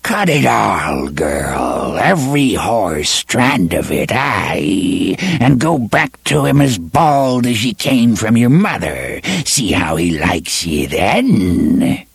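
A man voicing a growling, whining old hag witch in an audiobook, speaking in a husky, slow and menacing way. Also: lowish voice, very animated, no echo, exaggerated voice.

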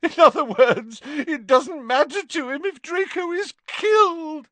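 A man's voice: measured pace, a bit bright, dry recording. A man voicing a desperate, tearful aristocratic mother begging for her son in an audiobook reading. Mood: anguished. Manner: tearful, begging, high strained pleading.

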